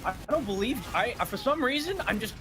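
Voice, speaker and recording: A man's voice: extremely high pitch, animated, a little fast, music in the background. A man playing Scout, a brash, cocky young male mercenary who wisecracks and acts mock-offended. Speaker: character guest on charity stream.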